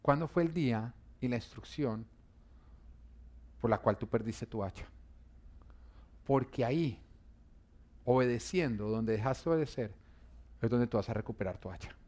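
A man pastor delivers a sermon in a voice of middle pitch, repeating each main point for weight. He swells louder and higher on key phrases, then drops back to a low, steady teaching tone. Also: moderate pace, pauses often. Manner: emphatic preaching with rising, forceful emphasis on key phrases.

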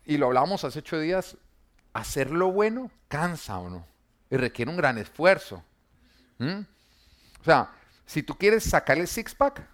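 A man, preaching an emphatic sermon that swings between loud and quiet, full of rhetorical questions and humor for the congregation. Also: a little high. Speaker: pastor.

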